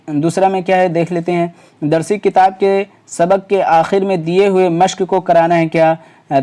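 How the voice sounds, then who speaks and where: A man coaching students for a teaching exam. His voice is fairly high for a man and mellow in tone. He talks casually, with lots of fillers and rhetorical questions as he rules out each answer option. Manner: conversational, many fillers and self-corrections, rhetorical questions.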